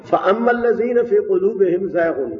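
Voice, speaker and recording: A man giving a methodical classroom lecture on Arabic grammar, explaining step by step with frequent pauses. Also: high voice, expressive. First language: Urdu. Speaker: teacher of Quranic Arabic grammar. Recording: distant, dull, roomy hall with faint hiss.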